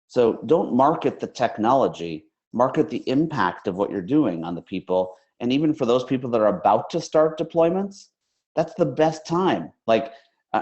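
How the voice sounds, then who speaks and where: A mid-pitched man hosts a live online webinar, animated and conversational. He sounds energetic and talks straight to the audience over a video call. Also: muffled recording. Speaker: webinar host.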